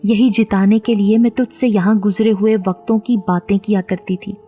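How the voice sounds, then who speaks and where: A woman's voice: mid-range voice, fairly even intonation, normal speed, mellow, faint music behind, natural voice. A woman voicing a playful young woman who is secretly a possessing spirit, speaking with feigned innocence. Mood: tender, hushed. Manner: teasing, innocent-sounding.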